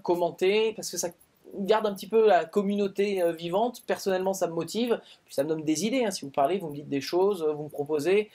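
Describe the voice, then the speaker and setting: A man's voice: sits high, a little mellow. A man hosting his own review show, talking casually to his viewers and hesitating often on "euh". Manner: chatty, filler-heavy, with frequent "euh" hesitations. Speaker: film and series critic, show host. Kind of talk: casual talk to the camera.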